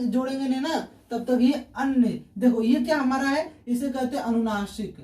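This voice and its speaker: Recorded far from the mic in an echoey room, a male grammar teacher speaks online in a very high, warm voice. He repeats key terms and answers the questions he puts to himself.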